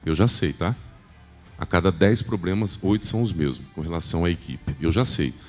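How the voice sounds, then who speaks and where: His voice sits low, expressive and brisk, as this business speaker pushes a rousing sales message at a church gathering and keeps asking the audience questions. The recording has long hall reverb from the large church space and faint background music.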